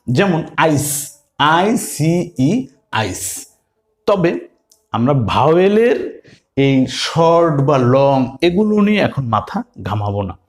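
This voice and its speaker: A man with a Bengali accent teaching English letter sounds slowly, repeating each one and putting questions to his learners. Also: on the high side, big pitch swings. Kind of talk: phonics lesson.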